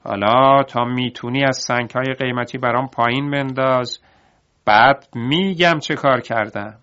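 A man voicing a clever young male laborer in a spoken storybook, talking in a calm, measured way. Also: medium pitch, clear, resonant tone, close to an everyday voice. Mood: taunting. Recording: dull lo-fi audiobook recording.

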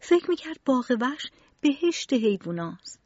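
A woman storyteller narrating a children's storybook in an expressive, varied way. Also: high voice, no room sound. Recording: dull lo-fi recording.

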